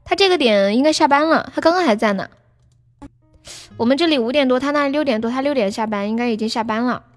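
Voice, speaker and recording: A woman with a high voice talks quickly while hosting a livestream, chatting casually and playfully with her viewers. Music plays behind her.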